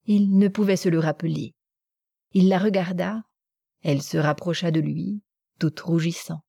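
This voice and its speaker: A woman narrates a novel in an audiobook. Her voice is low-pitched, warm and mellow with a husky grain. The recording is close and dry. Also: normal speed, no echo.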